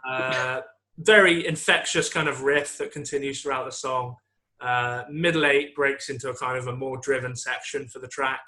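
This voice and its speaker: A man's voice: medium pitch, fairly even intonation, normal speed, sharp tone. A man co-hosting a comedy podcast, rambling casually about songs, swearing and laughing as he goes. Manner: rambling, swearing, laughs often, sings song lines. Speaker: podcast co-host.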